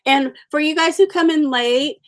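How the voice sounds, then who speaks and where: Coloring stamped cards on her livestream, a sniffly woman from Oklahoma chats easily with her audience and says hello to people by name. Her voice sits high, and she speaks at a normal speed.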